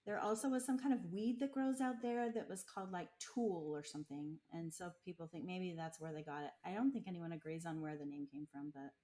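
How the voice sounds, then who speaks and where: Utah woman casual chatting, lotsa likes n laughs, lowish voice. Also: fairly quick, hardly any pauses, dark tone. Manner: chatty, laughs often, lots of "like" fillers. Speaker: local guest explaining slang. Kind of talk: casual chat.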